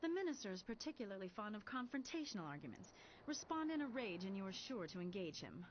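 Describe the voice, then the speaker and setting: A woman's voice: mid-range voice, very animated, fast talker, a little hiss or hum, natural voice. A woman voicing a stern imperial scholar judge who speaks formally and coldly. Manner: formal, cold, dismissive. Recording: dull lo-fi game audio.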